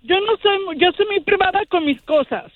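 A woman's voice: very high voice, animated, brisk, no echo, phone-quality sound. A woman calling into a talk show, speaking earnestly and confidingly. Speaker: caller. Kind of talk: casual chat.

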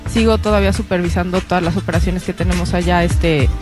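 A woman's voice: on the low side, fast, over music. Woman from Mexico City with Mexican accent. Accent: Mexican Spanish. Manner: relaxed, many fillers like "este" and "pues". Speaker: guest, baseball scout. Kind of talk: casual interview answers.

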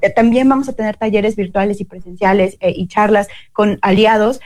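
A woman's voice: medium pitch, fairly even intonation, brisk, a little mellow. A Mexican woman with a Mexican Spanish accent, a consul explaining services as an interview guest.

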